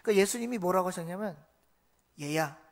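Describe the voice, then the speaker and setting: A man's voice: sits high, lively intonation, moderate pace, a bit bright. A male pastor delivers a Sunday sermon in a storytelling manner. He acts out the lines of the figures in his stories and keeps turning to the congregation with questions. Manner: storytelling, quizzing the congregation, acting out quotes.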